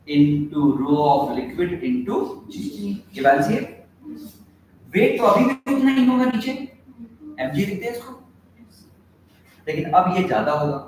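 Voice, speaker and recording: A man's voice: on the high side, slight background noise. Echoey, distant male physics teacher. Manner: addresses students, asks questions, dictates formulas slowly. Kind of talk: classroom lecture. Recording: echoey room, heard from a distance.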